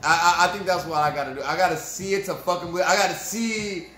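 Talking fast in a high, bright voice with a forceful tone, a young man vents his frustration with profanity in a post-game review on his sports fan vlog. He's recording indoors at home in front of a camera, and the audio sounds roomy.

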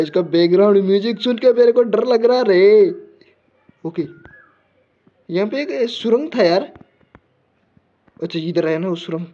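A man's voice: high voice, mellow, highs cut off. A man commenting as he plays a horror game, jumpy and panicky, talking to himself. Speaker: gamer.

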